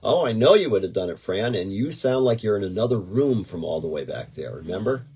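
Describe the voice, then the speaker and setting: A man's voice: on the low side, very animated, brisk, darkish tone, husky. A middle-aged man hosting a casual chat show, rambling in an easygoing way with many restarts. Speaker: podcast host and event promoter.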